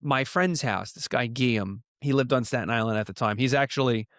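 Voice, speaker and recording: A man in his late thirties from New York, a pastor guest, telling stories in an earnest, lively conversational way. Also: medium pitch, a little fast, no echo, studio quality. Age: 30s. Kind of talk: casual conversation.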